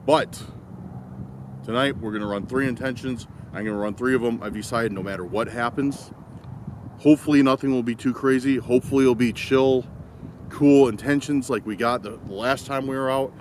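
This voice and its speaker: A man's voice: medium pitch, normal speed, background noise. A man out in the cold at night, vlogging to a handheld camera in a rambling, easygoing way. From Illinois. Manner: rambling, easygoing, self-correcting. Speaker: vlogger exploring outdoors. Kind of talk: casual chat to camera.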